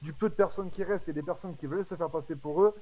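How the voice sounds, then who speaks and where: Man, somewhat high voice, fast, blunt, crude, roleplay chat. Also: crowd noise, low-quality recording. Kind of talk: in-character roleplay over voice chat.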